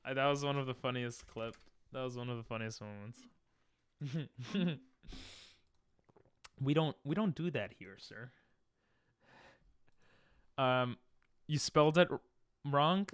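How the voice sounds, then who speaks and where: During a relaxed gaming stream, a man whose native language is Hebrew reads chat messages and slips into silly freestyle rhymes. He takes his time with long pauses, speaking at medium pitch in a bit-bright, clean voice without echo.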